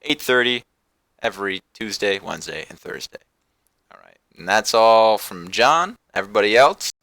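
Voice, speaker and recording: A man's voice: lowish voice, lively intonation, moderate pace, bright, forceful tone, no room sound. A man hosting a casual podcast, rambling loosely through his thoughts and turning upbeat when he plugs the show. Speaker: podcast host. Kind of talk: casual chat.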